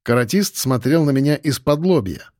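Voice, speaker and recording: Steady male audiobook narrator. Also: medium pitch, normal speed, no echo, clean studio sound. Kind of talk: scripted first-person narration.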